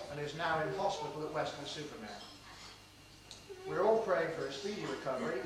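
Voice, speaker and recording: A middle-aged man, the father of the bride, giving a measured, joking wedding toast, heard on an old VHS home video. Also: a little high. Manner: measured, joking formal delivery. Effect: old VHS home video tape. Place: large room at a wedding reception. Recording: echoey hall, far from the camera, hiss on the tape.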